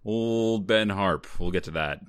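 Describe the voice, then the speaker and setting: A man co-hosting a podcast in casual comedic chat, excitable and playful, swearing for emphasis. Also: on the low side, unhurried, smooth, no echo. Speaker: podcast co-host.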